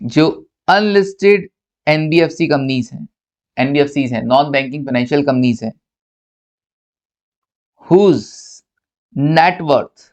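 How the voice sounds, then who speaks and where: A man's voice: a little high, moderate pace. A man from India giving a recorded accountancy lecture, teasing his students playfully and asking and answering his own questions.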